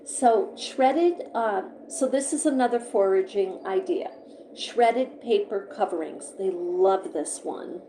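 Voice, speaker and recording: A woman's voice: medium pitch, slow, warm tone, reverberant, a little hiss or hum, low-quality recording. A woman live-streaming about her pet finches, chatting casually and rambling as she reads notes aloud and comments on them. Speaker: pet bird vlogger. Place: indoor room beside a birdcage.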